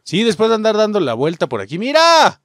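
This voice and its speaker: A man's voice: high voice, very animated, fast, no echo. A man with a Mexican accent commenting casually on a video game, joking, swearing, and talking to his viewers. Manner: profane, joking, talks to viewers as "muchachos". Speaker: gaming YouTuber. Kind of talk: casual let's play commentary.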